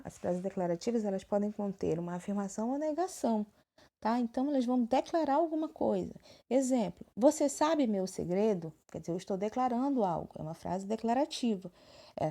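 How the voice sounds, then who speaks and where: A woman's voice: medium pitch, dark tone. A woman with a Brazilian Portuguese accent, teaching a recorded grammar lesson and checking in with her students often. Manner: explanatory, frequent check-ins with students. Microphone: phone screen recording.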